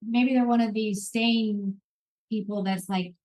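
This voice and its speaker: Woman host, casual reassuring chat, mid pitch, easygoing fillers. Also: steady tone, measured pace, a little mellow, poor audio. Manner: chatty, reassuring, thinks aloud with fillers. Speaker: podcast host. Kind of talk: casual chat about reselling.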